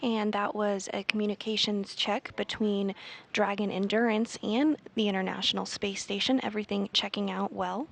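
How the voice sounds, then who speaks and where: A woman's voice: medium pitch, steady tone, moderate pace, vocal fry. Woman giving live space mission commentary. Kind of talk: live broadcast commentary, measured announcing.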